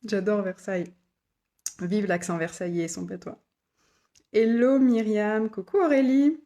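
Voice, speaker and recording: A woman's voice: mid-range voice, steady tone, a little slow, warm tone. A woman hosting a casual live stream from her home office, reading viewer comments aloud, repeating them and laughing often. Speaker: live stream host, human design guide. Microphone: phone or laptop mic.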